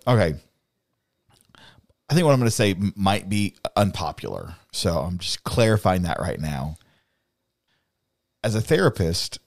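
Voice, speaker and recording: A man with a very low, deep voice, speaking as a therapist and co-host on a podcast. He talks earnestly, working his thoughts out aloud with restarts. The sound is dry and close to the mic. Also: no room sound. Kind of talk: casual podcast discussion.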